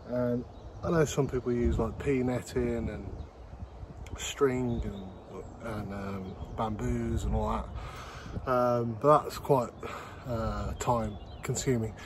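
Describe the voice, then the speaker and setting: Speaking slowly at a medium pitch, a man in his thirties vlogs casually from an outdoor allotment garden, rambling, joking at his own expense and saying um a lot. He holds a phone camera close, and outdoor noise sits behind his voice.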